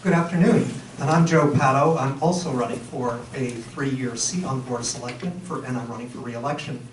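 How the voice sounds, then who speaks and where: A man's voice: mid-range voice, brisk, noisy background. Middle-aged man speaking in a roomy hall. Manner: earnest, with frequent fillers and restarts. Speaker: candidate for town office. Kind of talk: candidate speech at a public forum. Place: community meeting room. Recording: roomy hall, mic far off.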